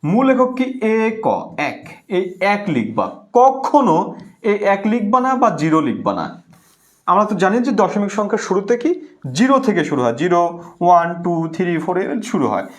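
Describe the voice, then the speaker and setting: A man teaching an online class, his voice sitting high and swinging widely in pitch. He drills key words by repeating them and keeps prompting students to comment and answer. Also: very animated, brisk.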